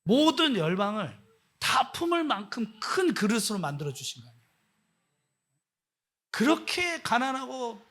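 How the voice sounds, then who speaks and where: A male missionary preaches with a high, animated voice that swoops as he scolds and fires rhetorical questions at his listeners. His tone is bright and forceful with a husky grain underneath. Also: moderate pace, long pauses. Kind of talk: sermon.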